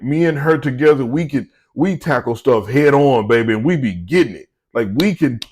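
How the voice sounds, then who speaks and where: A man's voice: medium pitch, a little mellow. Man giving a casual, slangy Bible talk. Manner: conversational, slangy, rambling. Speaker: faith speaker.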